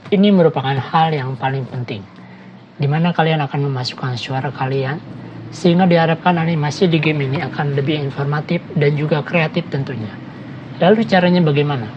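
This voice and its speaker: A woman narrating a screen-recorded app tutorial, giving steady step-by-step instructions and talking to viewers as friends. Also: low voice, lo-fi sound, slight background noise.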